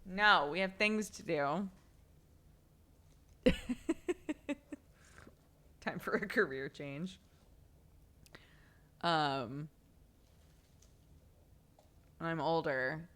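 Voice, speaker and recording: A woman's voice: low voice, a bit bright. A woman streamer chatting casually and reading a storybook aloud, giggly and offhand, swearing now and then.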